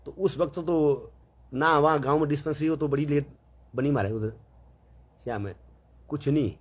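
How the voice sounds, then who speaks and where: A man's voice: fairly high pitch, moderate pace, breathy edge. A man telling a long, rambling story in a casual, chatty way, full of fillers and quoted dialogue.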